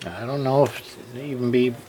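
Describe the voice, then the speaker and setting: A medium-pitched, warm voice with a steady tone and moderate pace belongs to a tired man, heard with slight background noise. As a hobbyist radio repairer, he gives a casual show-and-tell of an old radio at his home workshop desk, thinking aloud with frequent fillers and restarts.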